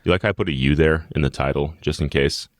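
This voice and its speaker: A man's voice: rumbling low, fast talker, dry recording, clean studio sound. A man co-hosting a podcast, chatting casually and in a friendly way with his co-host. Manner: friendly, chatty, many fillers.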